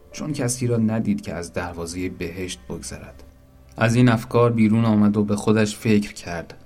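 A man narrating a story in a calm, even storytelling manner. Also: low voice.

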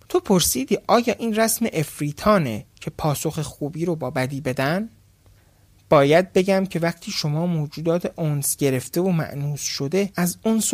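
A man's voice: on the high side, no echo. A man playing an angry boastful jar demon. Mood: threatening. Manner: angry and threatening, later pleading.

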